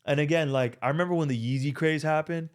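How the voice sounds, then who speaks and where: A man's voice: a little high, quick pace, smooth. A young man, rambling through a casual vlog with lots of fillers and restarts, into a desk microphone. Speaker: vlogger.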